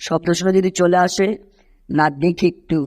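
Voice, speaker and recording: A woman's voice: fairly low pitch, little pitch movement, normal speed, mellow, close to an everyday voice. A woman voicing a hungry, scheming male house cat in a fan cartoon dub, muttering and groaning to himself.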